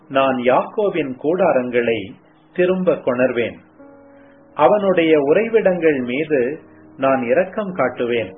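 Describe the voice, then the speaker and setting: Divine male voice of the Lord, read by a man, solemn and very slow, tinny sound. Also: a little high. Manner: slow solemn scripture reading. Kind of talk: devotional scripture reading. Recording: tinny phone-like sound, faint music.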